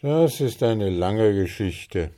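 Male reader as flustered gnome baker, grumbly and gravelly, storybook tone. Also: mid-range voice, unhurried, darkish tone, voice pushed up, lightly acted. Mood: grumbling. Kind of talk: storybook reading.

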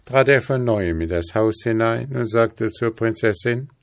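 Male narrator for fairy tales, slow and low, dry close sound. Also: no room sound. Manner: calm, measured storytelling. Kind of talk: fairy-tale reading.

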